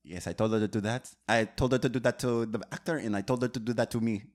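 A man putting on a pompous, self-important movie director with a phony French air, who stumbles and repeats himself while boasting deadpan. His voice sits at an everyday middle pitch. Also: quick pace, lightly acted. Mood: deadpan boastful. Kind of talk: improvised comedy role-play.

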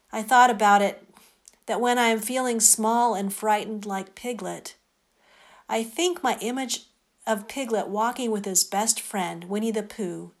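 Female preacher, gentle and unhurried, gravelly fry in the voice, sermon and guided meditation delivery. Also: medium pitch. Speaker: preacher leading guided prayer. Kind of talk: sermon and guided breath prayer.

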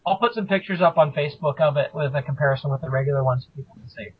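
A man's voice: fairly high pitch, rapid-fire, breathy edge. A man chatting casually as a collector on a podcast panel. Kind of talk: casual chat. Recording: dull lo-fi podcast audio.

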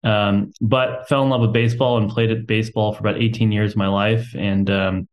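A man's voice: on the low side, steady tone, brisk. A young man from Texas, a company co-founder, talking casually as a podcast guest with lots of "um"s and a self-deprecating humor. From Texas, USA.

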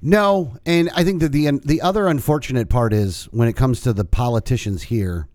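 An American man with a medium-pitched voice co-hosts a podcast. He chats casually, and the sound is dry, with very little room in it. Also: moderate pace, a little mellow, dry recording. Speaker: podcast co-host. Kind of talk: casual chat.

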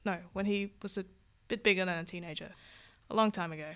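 A guest illustrator from Vietnam chats casually in an interview, speaking fast in a mid-range, fairly bright voice. She rambles and corrects herself, using lots of "like" and "um."

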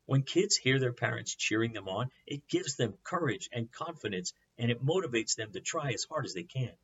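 A man preaching as a pastor, teaching in an earnest, measured way with rhetorical questions. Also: mid-range voice, expressive, a bit bright, lo-fi sound, a little hiss or hum. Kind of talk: sermon.

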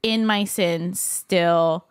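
A woman's voice: on the low side, steady tone, extremely slow, smooth. A young woman, a podcast guest, telling a personal story in a casual, chatty way, often saying "like.". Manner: chatty, fills speech with "like".

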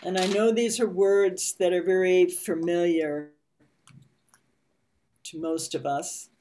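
A woman leading a spiritual study group, gently reading and teaching with pauses and soft fillers. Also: on the low side, steady tone. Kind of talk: slow meditative reading and teaching.

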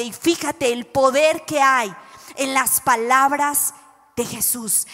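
A high-pitched woman preaches to a congregation in a lively, playful way, acting out scenes from the Bible. Her voice carries a long reverb from a large church hall. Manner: animated, playful, acts out Bible scenes and jokes with the audience. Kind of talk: sermon.

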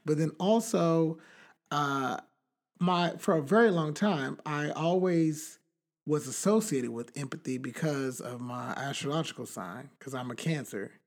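A young adult man co-hosting a podcast, talking in a rambling, animated way with many fillers and restarts. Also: fairly high pitch, a little slow. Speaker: podcast co-host. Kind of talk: casual chat.

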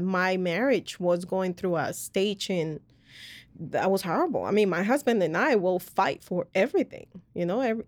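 This podcast host, a woman from Colombia, has a mid-range voice recorded without room sound. In casual chat she recounts her personal faith story, earnest and meandering, with frequent fillers.

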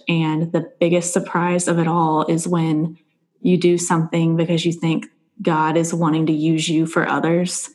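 A woman's voice: lowish voice, darkish tone. A woman hosting a faith-based podcast interview, talking in an earnest, reflective way. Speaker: podcast host.

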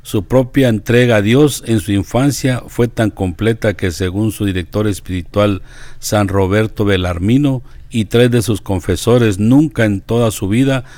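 A man reading a saint's life aloud and commenting on it in a measured, devout, earnest way. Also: fairly low pitch, steady tone, darkish tone, no room sound. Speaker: reader leading a group discussion.

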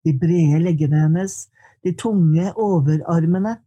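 A woman reading her poetry aloud in slow, measured lines, then answering questions in conversation. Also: on the low side, dark tone, breathy edge, lo-fi sound. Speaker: poet and guest.

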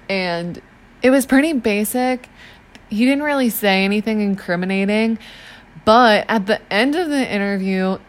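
A woman co-hosting a podcast, telling a true crime case in a casual, slangy chat. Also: medium pitch. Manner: chatty, slangy, acts out police in quick asides.

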